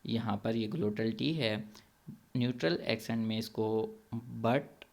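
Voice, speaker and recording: A man teaching English pronunciation to children in an online class, saying words slowly and repeating them for the pupils to echo. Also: lowish voice, creaky.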